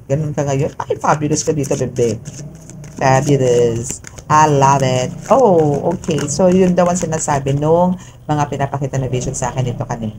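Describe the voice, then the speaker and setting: Low-voiced woman reading tarot. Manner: chatty, mixing Tagalog and English, frequent tag questions. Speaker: tarot reader. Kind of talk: casual tarot reading to a viewer. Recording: steady background noise.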